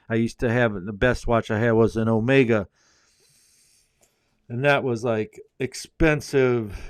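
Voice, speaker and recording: A man's voice: medium pitch, smooth, dry recording. A man hosting a fragrance livestream, reading viewer comments aloud and answering them in a laid-back, rambling, chatty way. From Indianapolis, US. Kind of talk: casual live chat reading viewer comments.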